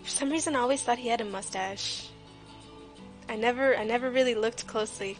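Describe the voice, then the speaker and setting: Drawing on a livestream, this female host keeps things casual and jokey, often teasing herself. She speaks fairly quickly in a slightly high voice, and music can be heard behind her.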